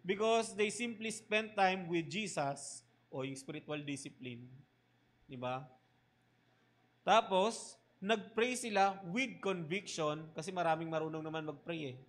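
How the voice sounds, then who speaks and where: A Filipino man, a pastor, preaching a sermon in mixed Tagalog and English, often tagging lines with "di ba?" and swinging between loud emphatic bursts and quiet low asides. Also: a little slow. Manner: Taglish preaching, keeps asking "di ba?".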